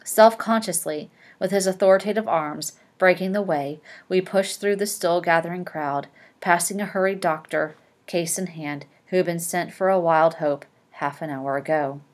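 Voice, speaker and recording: Young woman reading a classic novel out loud, chatty asides, kinda low voice. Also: normal speed. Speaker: reader explaining a novel. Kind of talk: reading a novel aloud with casual commentary.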